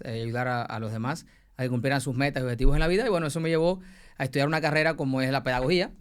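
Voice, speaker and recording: A young man from Cuba with a Cuban accent, a former teacher telling his migration story with hesitant pauses. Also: medium pitch, clean tone. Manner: hesitant, many fillers and pauses. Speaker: guest, former biology teacher.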